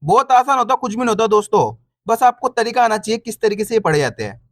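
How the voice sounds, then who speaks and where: A man teaches reading online, sounding out syllables slowly, repeating each word, and encouraging viewers as his friends. His voice is high-pitched with big swings in pitch, and there is no room sound.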